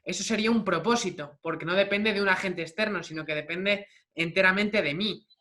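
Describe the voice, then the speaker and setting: A man's voice: sits high, fairly quick, pushed and bright. A man hosting a casual interview, affirming and summing up the guest's points. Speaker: host, interviewer.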